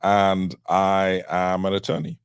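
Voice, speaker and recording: Man, from Cameroon, middle-aged, low pitch, reflective interview guest, dry close sound. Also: completely flat delivery, clear, resonant tone, no echo. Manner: measured, reflective, with fillers. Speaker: guest, trial attorney. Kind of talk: interview conversation.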